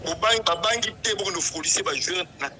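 A man, a football supporter, talking in a heated interview. He speaks in a very bright, piercing tone and presses the same points again and again with insistence. He talks fast and in a high register. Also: a little hiss or hum. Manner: insistent, emphatic, repeats his points. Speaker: club supporter.

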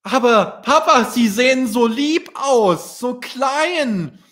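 A man's voice: expressive, slow pace, fairly bright tone, full character voice. A man voicing a young male swan chick, full of childlike wonder, in a storybook reading. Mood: amazed. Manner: high, breathless childlike wonder.

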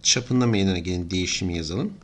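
A middle-aged man with a deep voice talks at a quick pace while teaching engineering at a whiteboard. As a lecturer, he explains steadily and thinks aloud while he writes.

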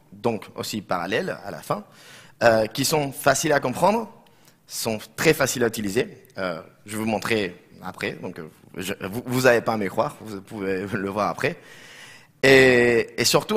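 Man, thirties, Spanish accent, medium pitch, slightly broken French, hesitant rephrasing, technical conference presentation. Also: fairly bright tone. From Barcelona, Spain. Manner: slightly broken non-native French, hesitant with frequent reformulations. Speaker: conference speaker, software developer. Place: conference room, indoors.

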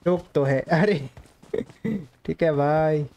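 A man's voice: a little high, very slow, gravelly, darkish tone. A man streaming a shooter game, chatting casually and joking with his chat and other players. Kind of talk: casual live gaming commentary. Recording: noisy game stream audio.

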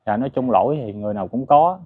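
A man's voice: mid-range voice, animated, very fast, husky, dry recording. A man being interviewed as a father, giving brief, deferential replies. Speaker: father seeking his wife. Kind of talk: interview answers. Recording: tinny phone-like sound.

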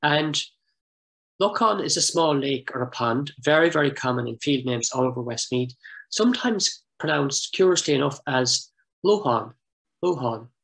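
A middle-aged man giving a heritage lecture as a project coordinator, speaking in a measured, explanatory way, slowing down to sound out pronunciations and clearing his throat now and then. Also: medium pitch, expressive, fairly bright tone, low-quality recording.

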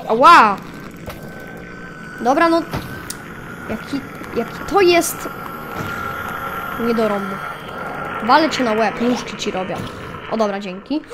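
A woman's voice: on the high side, noisy background. A woman casually commenting on her gameplay, chatting to viewers and yelping at attacking mobs. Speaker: gaming channel host. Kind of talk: casual let's play commentary.

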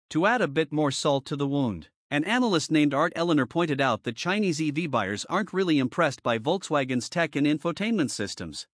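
A man with a somewhat high voice narrates a scripted explainer, tossing in casual, wry asides and rhetorical questions. The sound is close and dry. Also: dry recording.

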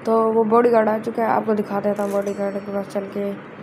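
A woman's voice: medium pitch, a little fast. A woman hosting a gameplay video, giving chatty, casual commentary as she plays and often addressing her viewers as guys. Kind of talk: casual let's-play commentary. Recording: steady background noise.

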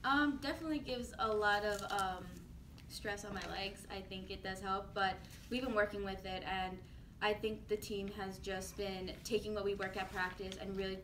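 A woman's voice: mid-range voice, fairly even intonation, normal speed, fairly bright tone. A young woman college athlete answering press questions casually, with likes and ums. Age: young adult. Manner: casual, says like and um. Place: office-like room, indoors. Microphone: far camera. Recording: echoey room, far mic, noise.

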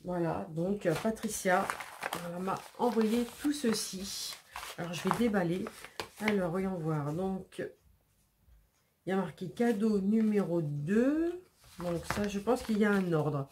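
A woman's voice: mid-range voice, expressive, measured pace, noisy background. A woman hosting a scrapbooking channel, unboxing mail in a casual, chatty way with many hesitations and repeated words, sniffling a little. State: sniffling after sneezing.

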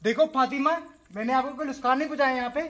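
A young man vlogging a night ghost hunt in a factory yard, calling out tensely into the dark. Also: very high voice, fairly even intonation, fast, echoey room, lo-fi sound.

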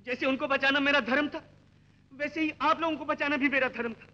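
An earnest, high-voiced village man. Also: fairly even intonation, fairly quick, sharp tone, exaggerated voice. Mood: accusing. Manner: impassioned, swearing oaths, imploring. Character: earnest simple village man, pleading and honest. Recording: dull 1960 film soundtrack.

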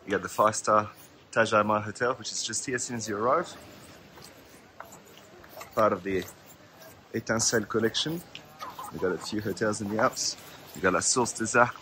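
Filming himself outdoors with a handheld phone at arm's length, selfie-style, a vlogger and ski travel agency founder of half-French, half-Australian background offers a frank, chatty tour of a ski resort. He has a fairly low, bright, forceful voice, with a little hiss or hum on the audio.

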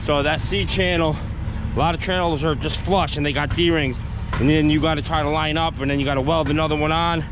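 A man's voice: fairly high pitch, steady tone, brisk. A man explaining in a practical, plain-spoken way how he chains equipment down, recorded outdoors on an action camera. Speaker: equipment operator explaining tie-down. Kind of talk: casual how-to narration while working. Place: outdoors on a trailer at a job site. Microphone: action camera mounted on the trailer. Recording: loud outdoor noise behind.

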